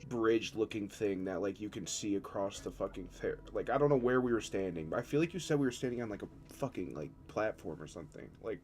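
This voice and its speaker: A man's voice: fairly low pitch, lively intonation, fast, few pauses, darkish tone. A man playing a tabletop game in casual chat, sounding stoned, with a rambling, profane stoner manner. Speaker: tabletop roleplaying player.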